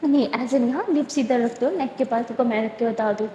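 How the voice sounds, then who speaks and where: A woman voicing a tough, teasing young biker woman who talks in a lower, offhand way, recorded in an echoey room. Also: mellow, lo-fi sound, a little hiss or hum, natural voice. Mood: soft, teasing. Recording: echoey room with long reverb.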